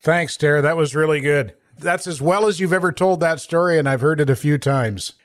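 A male interviewer in casual chat, teasing his guest and quick to laugh. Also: fairly high pitch.

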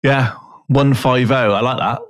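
A man co-hosting a podcast, chatting casually with quick, easygoing reactions. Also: medium pitch, fairly even intonation. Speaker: podcast co-host. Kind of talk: casual chat.

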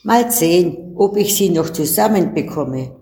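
Brief: a woman playing a gentle, thoughtful father, slow and unhurried, in a devotional story. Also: fairly low pitch, lively intonation. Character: kindly father telling his son a story.

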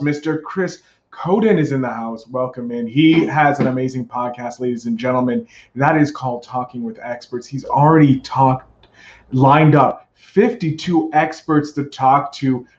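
A man's voice: medium pitch, darkish tone. A man hosting a casual live-streamed podcast, addressing listeners like a ringmaster with showy announcements. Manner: ringmaster-like showman greetings, drawn-out announcing. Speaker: podcast host. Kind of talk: live-streamed solo show, casual chat. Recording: roomy, dull lo-fi sound.

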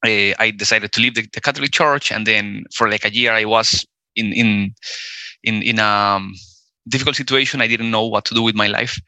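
Lowish, bright and pushed, the voice belongs to a forty-something Colombian man, a native Spanish speaker with a Colombian accent. As a guest in a casual interview conversation, he sounds hesitant, full of fillers and false starts. No echo is audible.

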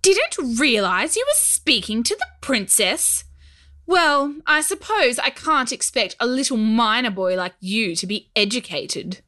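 A woman's voice: fairly high pitch, animated, moderate pace, sharp tone. A woman voicing a haughty, scornful young princess in a storybook reading.

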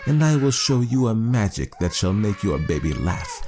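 A man voicing a proud, independent cat in a storybook reading, in a measured, formal cadence. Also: lowish voice, big pitch swings, music in the background, voice pushed up. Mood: sly. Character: aloof male cat, sly and self-satisfied.

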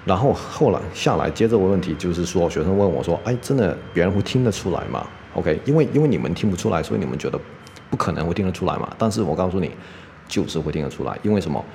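Deep-voiced male native English speaker, casual teacher drilling sounds, keeps asking "OK?", echoey room. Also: expressive, dark tone. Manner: ends nearly every sentence with a checking "OK?"; drills sounds slowly and repeats them. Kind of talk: casual spoken lesson. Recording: echoey room with faint background noise.

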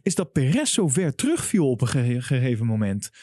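Mellow-voiced man in casual race talk. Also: mid-range voice, sing-song, fairly quick, dry recording, clean studio sound. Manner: chatty, laughs easily, frequent fillers. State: frog in his throat, clears throat. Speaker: podcast co-host. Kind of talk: casual motorsport chat.

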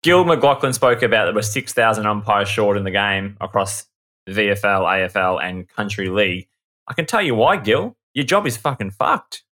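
A man's voice: fairly low pitch, moderate pace, sharp tone. Blunt, sweary Australian man. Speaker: podcast co-host. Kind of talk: casual sports podcast chat.

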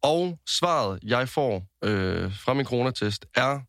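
A man's voice: medium pitch, expressive, fairly bright tone, no room sound, clean studio sound. A young man co-hosting a casual podcast, recounting a story with many hesitant fillers. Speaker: podcast co-host.

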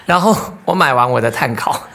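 A woman's voice: very deep voice, brisk, vocal fry. A young woman with a Taiwanese Mandarin accent, co-hosting a casual podcast and telling chatty anecdotes. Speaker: podcast co-host. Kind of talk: casual chat. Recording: steady background noise.

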